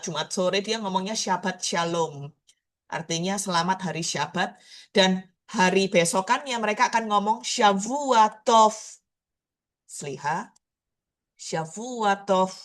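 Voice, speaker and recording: A woman with a Surabaya Javanese accent teaching an online language class, patiently repeating each word so her students can copy the pronunciation. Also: medium pitch. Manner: slow, patient, repeats words to drill pronunciation.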